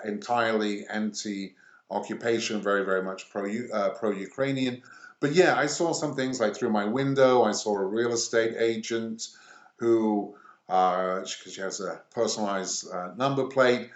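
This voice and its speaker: Middle-aged guy, kinda low voice, stops and starts a lot, echoey room. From England. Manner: halting, pausing often between phrases. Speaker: interview guest. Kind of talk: conversational interview.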